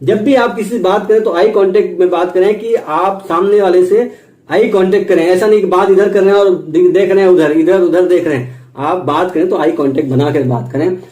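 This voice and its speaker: A man giving a spoken lecture on sales technique, going through his points one by one and slowing down for quoted English phrases. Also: sits high, warm tone, roomy sound, poor audio. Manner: explains points step by step, mixes in English phrases spoken slowly. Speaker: sales and motivational trainer.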